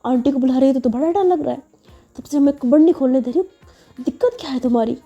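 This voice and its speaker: A curt, defiant young woman, acted out by a woman narrator barks orders and stands her ground. The voice is a little high with a dark, mellow tone. Soft music runs behind it. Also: fast, lo-fi sound. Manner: curt and bossy. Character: blunt, defiant young woman, new bride.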